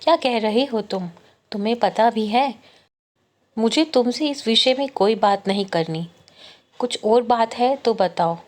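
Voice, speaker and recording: A woman's voice: a little high, measured pace, lightly acted. A woman voicing a hurt, angry young wife. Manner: sharp and irritated.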